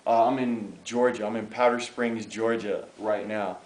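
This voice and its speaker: A man's voice: lowish voice, steady tone, a little slow, reverberant, a little hiss or hum, rough recording. Man in his thirties, rambling with fillers. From the Bronx, New York. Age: 30s. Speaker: graffiti artist. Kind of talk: casual interview. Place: outdoors.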